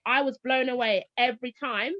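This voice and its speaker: A high-voiced woman in her thirties from Barbados, once a teacher and now a homeschooling parent, appears as a guest in a casual interview. Speaking at a moderate pace, she tells stories with animation and acts out the voices she quotes. The sound is dull, lo-fi and dry with no echo.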